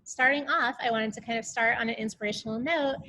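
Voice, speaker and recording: Bright-voiced woman moderating a panel. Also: on the high side, steady tone, low-quality recording. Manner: halting, friendly with many fillers. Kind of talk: panel discussion. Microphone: video call.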